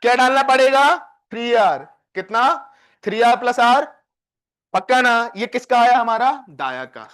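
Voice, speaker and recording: A male physics teacher with an Indian accent, lecturing a live class and quizzing students with quick questions. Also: very high voice, animated, fairly bright tone, clear, resonant tone. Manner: dictates questions slowly, word by word.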